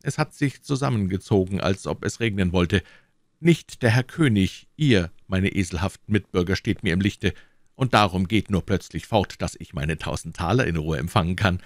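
A man's voice: deep voice, normal speed, no room sound, studio quality. A man reading aloud and voicing an irritated, scornful old philosopher who scolds his fellow townsmen. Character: cunning, gruff old philosopher in a barrel, man.

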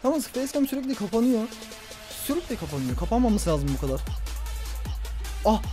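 A young man commentating his own football video game play, talking to himself and the players and yelling at big moments. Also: high voice, big pitch swings, fairly quick, faint music behind. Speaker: gaming YouTuber.

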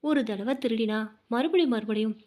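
Woman reading a nasty scheming daughter-in-law, sharp and scolding, highish voice. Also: normal speed, natural voice. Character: scheming shrill young daughter-in-law, harsh and accusing.

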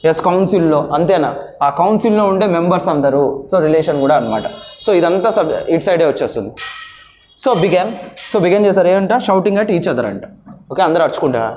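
Fast-talking male grammar teacher. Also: fairly high pitch, expressive, a little mellow, a little hiss or hum. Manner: quick, repetitive questioning, answers his own questions. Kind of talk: classroom grammar lesson.

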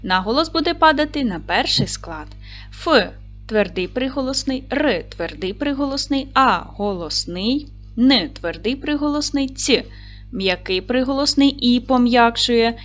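A woman teacher giving a video lesson for young pupils, with clear, patient instructions and pauses for tasks. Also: on the high side, lively intonation, fairly bright tone, soft background music. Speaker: primary school teacher.

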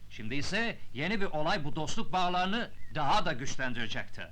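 An actor playing a dignified consul who gives a pompous, oratorical ceremonial speech in a film. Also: male voice, a little high, sing-song, fairly quick, pushed and bright. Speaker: consul general.

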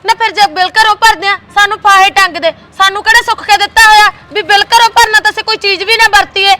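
A woman with a Punjabi accent acting a sharp-tongued, quarrelsome village wife in a comedy short film. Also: very high voice, fairly even intonation, fast. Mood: angry. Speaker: actor playing a quarrelsome wife.

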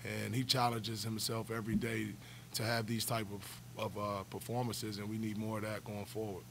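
A basketball coach in his forties sits at a table mic in front of a backdrop, fielding postgame press conference questions earnestly and restarting with repeated words. His lowish voice is flat, with vocal fry, moving at a moderate pace over a noisy background.

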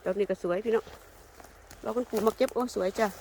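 An older Thai woman with an Isan accent, narrating a casual foraging vlog in a forest and chatting warmly to her viewers. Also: mid-range voice, steady tone, fast talker, slight background noise. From Thailand. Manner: chatty, warmly addresses viewers as kin, sweet polite endings. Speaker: vlogger. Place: forest outdoors.

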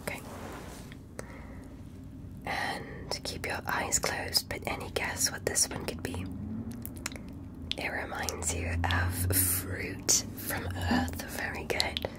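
A woman whispers breathily in an ASMR roleplay, portraying a curious and courteous alien doctor who examines a human, offering slow, careful, formally worded instructions. A bass voice with a completely flat delivery is also present.

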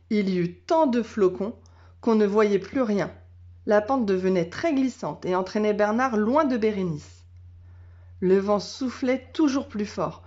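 A woman teacher reading a children's storybook aloud in a calm, measured way. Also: mid-range voice. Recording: dull lo-fi sound.

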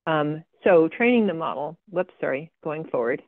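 A woman's voice: low-pitched, expressive, moderate pace, no room sound. A woman giving a slide presentation about her research. She talks with frequent ums and dry, sarcastic asides. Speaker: guest speaker presenting research. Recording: tinny phone-like video call audio, dry.

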